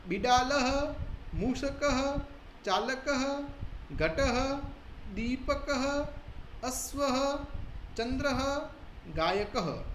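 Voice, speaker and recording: A man's voice: very high voice, fairly bright tone. Man, school teacher, patient step-by-step explaining, roomy echo, faint hiss. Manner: explains step by step, repeats each word slowly. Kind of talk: school lesson on a textbook chapter. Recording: echoey room, faint background hiss.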